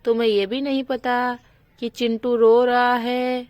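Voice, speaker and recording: Bossy older sister-in-law, nagging and loud, voiced by a woman, slow delivery, doll storybook. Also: high-pitched, flat delivery, no echo, dull audio. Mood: scolding.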